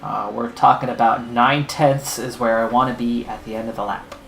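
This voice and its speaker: A man's voice: medium pitch, flat delivery, moderate pace, gravelly, fairly bright tone, a little hiss or hum. Roomy-sounding man narrating his game. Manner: anxious, pleading running commentary. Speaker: gaming channel host. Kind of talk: let's-play commentary.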